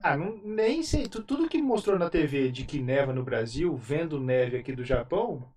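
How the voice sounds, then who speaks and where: A man co-hosting a casual live stream, talking in a relaxed, rambling way. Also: fairly high pitch, normal speed. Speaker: stream co-host. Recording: distant mic with crowd noise.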